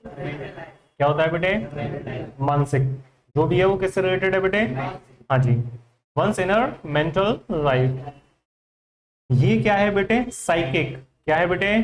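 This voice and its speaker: A man's voice: sits high, slow pace, pauses often. A man with an Indian accent teaching an English vocabulary class in Hindi, quizzing his students with repeated questions. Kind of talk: classroom lesson.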